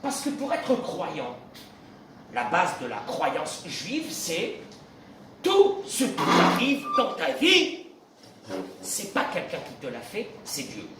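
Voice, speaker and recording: A man, a rabbi, preaching a lively sermon, acting out everyday exchanges and breaking into shouts. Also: high-pitched, takes it slowly, background noise. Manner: animated, acts out dialogues, bursts into shouts. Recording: echoey room from far off.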